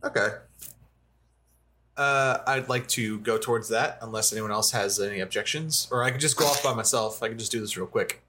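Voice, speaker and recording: Bright-voiced man playing a tabletop game. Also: fairly low pitch, brisk, a little hiss or hum. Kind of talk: casual in-game chat.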